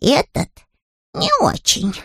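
A woman's voice: slow, a bit bright, no room sound, studio quality. A woman voicing a small, polite male bear who talks earnestly and takes offence easily, in a storybook reading. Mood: earnest, proud. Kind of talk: audiobook character voice.

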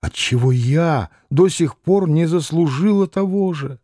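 A man's voice: on the high side, measured pace, warm tone, no echo, clean studio sound. A man reading an audiobook voices a proud, anguished young noblewoman who pleads and exclaims passionately. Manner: impassioned, pleading, rising to exclamations.

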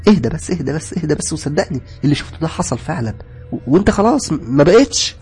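A man's voice: mid-range voice, very animated, fast talker, darkish tone, slightly rough, soft background music. A man voicing a frightened, guilt-stricken young woman in a horror story, speaking in an Egyptian Arabic accent with a raised, strained voice. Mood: insistent.

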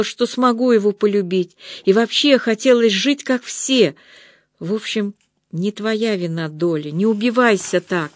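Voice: medium pitch, no echo, clean studio sound, voice pushed up, lightly acted. A reader voicing a loyal young woman who pleads with and consoles a weeping friend in an audiobook. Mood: pleading. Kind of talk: audiobook reading.

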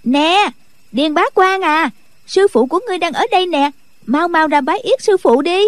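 A woman's voice: very high voice, moderate pace, no echo. A woman voicing a mischievous young girl who teases and bosses others in a martial-arts audiobook. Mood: teasing. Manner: playful and bossy.

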